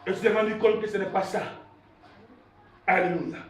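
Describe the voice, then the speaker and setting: A man preaching a fervent sermon to a congregation, shouting and repeating phrases, crying out alleluia in call-and-response. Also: sits high, little pitch movement, rapid-fire. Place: church hall with congregation. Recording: echoey hall from far off, crowd and noise.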